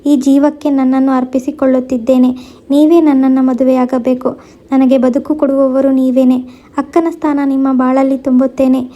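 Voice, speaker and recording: A woman's voice: high voice, little pitch movement, moderate pace, dark tone, natural voice. A woman reading the part of a sorrowful, pleading young woman who is a grieving sister-in-law, in a dull lo-fi recording.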